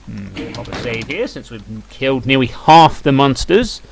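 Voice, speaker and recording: Gravelly and very animated, this British man's medium-pitched voice moves at a moderate pace as he grumbles wryly through off-the-cuff let's-play commentary. It's a noisy home recording, with the game's sound behind him, including shooter gunfire and clicks.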